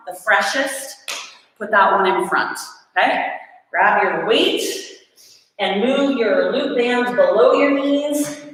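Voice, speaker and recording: Slow-talking woman fitness coach in an echoey room. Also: mid-range voice, fairly bright tone. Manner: upbeat coaching, counts reps aloud, jokes about her own effort. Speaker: fitness instructor. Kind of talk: leading a live workout class. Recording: echoey room with long reverb.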